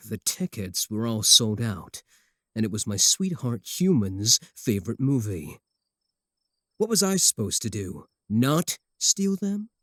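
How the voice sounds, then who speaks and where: A man's voice: fairly low pitch, very animated, slow pace, a bit bright, no room sound, studio quality, heavily acted. A man voicing a possessive, boastful werewolf in a comedic ASMR roleplay, sardonic and taunting, doting on his sweetheart. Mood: defensive, flirtatious.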